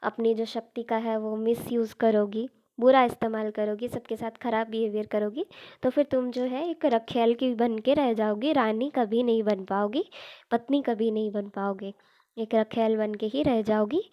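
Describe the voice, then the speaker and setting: A woman's voice: fairly high pitch, steady tone, normal speed, lo-fi sound, natural voice. A woman voicing an old male sage giving earnest fatherly advice in a storytelling recording. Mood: advising. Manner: earnest, instructive.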